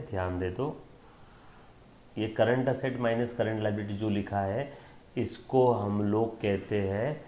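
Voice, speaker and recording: A man's voice: lowish voice, warm tone, roomy sound. A man teaching a commerce lecture online, coaxing his students and checking that they follow, mixing in English terms. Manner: mixes Hindi with English terms.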